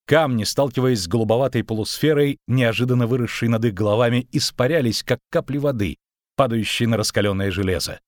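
A man narrating an audiobook in a steady, dramatic reading. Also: medium pitch, fairly quick, dry recording, clean studio sound. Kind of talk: scripted narration.

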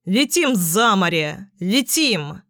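A woman voicing a bold, bossy male gander in a storybook, with commanding, drawn-out calls. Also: medium pitch, big pitch swings, a bit bright, no echo, clean studio sound.

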